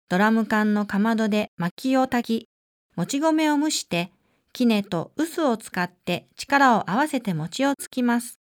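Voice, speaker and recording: A woman on the staff of a religious group, telling a personal testimony and then reading from a text in an earnest, measured way. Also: fairly high pitch. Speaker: staff member giving a religious talk.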